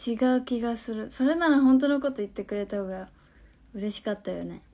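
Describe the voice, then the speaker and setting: A woman's voice: a little high, a little fast. Chatty young woman with a Hakata accent. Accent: Hakata dialect of Fukuoka. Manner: chatty, reads viewer comments aloud and answers them, drops to soft near-whispered asides. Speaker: live-stream host. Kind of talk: casual live-stream chat. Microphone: phone.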